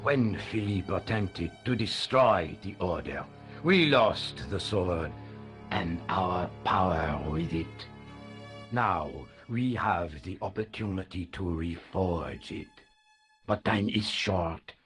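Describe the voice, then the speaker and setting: A deep slow creepy cult boss in a game, cold and bossy. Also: male voice, animated, fairly bright tone, faint music behind, exaggerated voice. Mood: commanding. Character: menacing grand master of a secret order.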